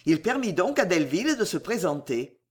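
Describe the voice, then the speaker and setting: A man narrating a novel aloud in an expressive, dramatic reading style. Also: high voice, normal speed, husky. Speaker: audiobook narrator. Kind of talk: scripted audiobook narration.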